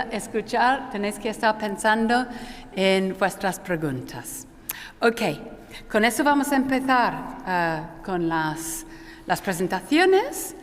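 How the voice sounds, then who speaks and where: A woman's voice: fairly high pitch, fairly bright tone, a little hiss or hum. A woman with a non-native Spanish accent moderating a conference panel, hesitant and often correcting herself, her voice echoing through a hall like in a cathedral. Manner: hesitant delivery with frequent self-corrections. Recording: echoey hall with long cathedral-like reverb.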